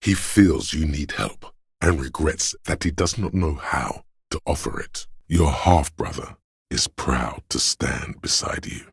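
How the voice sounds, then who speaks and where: In a video game, a man voices the grave, all-knowing inner voice of police camaraderie, narrating in a solemn, measured, literary style. His voice is very deep, gravelly and husky, heavily acted, and the mood is quietly solemn. The recording is studio quality with no echo.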